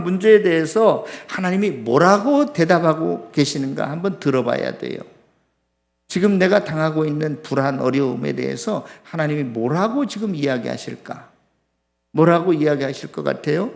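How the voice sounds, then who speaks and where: Gravelly high-voiced preaching pastor. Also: male voice, darkish tone. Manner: impassioned, acts out complaints to God in raised voice; asks the congregation questions directly. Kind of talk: sermon.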